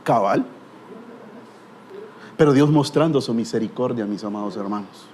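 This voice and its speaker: A man's voice: mid-range voice, normal speed, a little mellow, slight background noise. A middle-aged man preaching a sermon with a Guatemalan Spanish accent, telling stories with humor and rhetorical questions.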